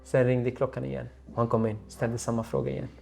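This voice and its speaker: A man speaking in a halting, low voice, a guest recounting his own past in an interview. His sentences often trail off into near silence. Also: level tone, vocal fry, a little mellow. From Syria. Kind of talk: personal storytelling interview.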